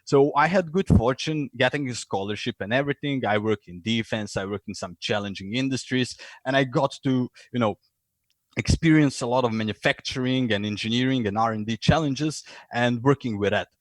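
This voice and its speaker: On a conversational podcast interview, a Croatian lean and innovation consultant speaks briskly at a mid pitch. He hesitates, filling with uhs and restarting, and acts out voices when telling stories. The audio is dry, with no room sound.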